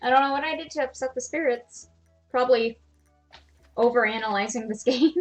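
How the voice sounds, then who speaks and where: A woman's voice: a little high, brisk, faint music behind. A woman streamer giving casual, self-deprecating commentary while playing a farming game. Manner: chatty, self-deprecating, laughs at herself.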